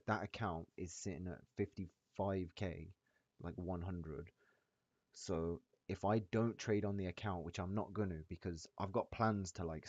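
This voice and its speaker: Deep-voiced frat-bro guy in echoey audio. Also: a little mellow. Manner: frat-bro slangy hype talk, peppered with bro and boys. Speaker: day trader sharing screen with a group. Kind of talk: casual chat among trading friends. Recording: dull, roomy echoey voice-chat audio.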